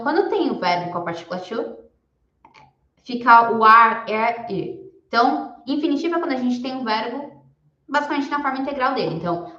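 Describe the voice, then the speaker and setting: A woman teaching a recorded beginner class, explaining patiently and slowing down to spell out each example word. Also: mid-range voice, pushed and bright. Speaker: English teacher. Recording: echoey room, dull lo-fi sound.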